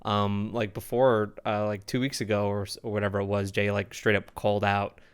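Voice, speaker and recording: A man's voice: lowish voice, level tone, brisk. A man hosting a reaction video, talking casually and rambling with lots of filler words. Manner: chatty, rambling, heavy on "like" and "um" fillers. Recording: music playing clearly behind.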